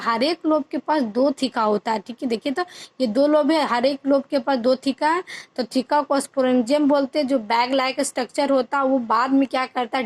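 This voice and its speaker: A woman teaches a biology class online, her voice pitched high. She walks through each point step by step and keeps checking that her students are following. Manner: explains step by step, checks in with "ठीक है" often.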